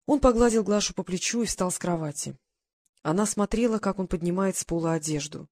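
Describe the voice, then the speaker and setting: A woman narrating a novel in a calm, even reading voice. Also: on the low side, fairly quick. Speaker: audiobook narrator. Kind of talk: scripted narration.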